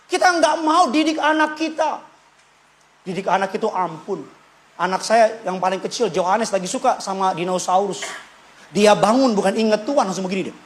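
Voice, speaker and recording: A male pastor, preaching an animated sermon that swings between loud bursts and quiet asides. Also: moderate pace. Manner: animated, shifts pitch and loudness, acts out quotes with shouts. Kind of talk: lively sermon. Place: church.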